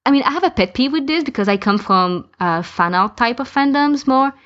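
Her voice sits high with a fairly bright tone, and she talks briskly and expressively. The woman, a fan podficker on a casual podcast, lays out her views using lists of examples, all on a dull lo-fi recording.

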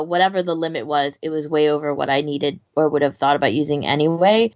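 A woman with a deep voice co-hosts a podcast, talking in a casual, conversational way. The recording is dry and lo-fi.

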